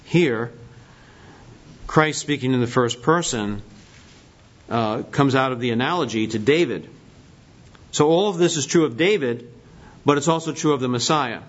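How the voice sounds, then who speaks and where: A man's voice: mid-range voice, moderate pace, pauses often. Man teaching a Bible class, lo-fi. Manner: conversational, asks the class questions. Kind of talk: Bible study lesson. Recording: dull lo-fi recording.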